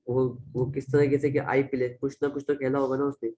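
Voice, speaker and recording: A man's voice: medium pitch, little pitch movement, fairly quick, dark tone, a little hiss or hum, rough recording. A man with a Pakistani accent teaching a grammar lecture, explaining step by step and repeating each example. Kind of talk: classroom-style grammar lecture.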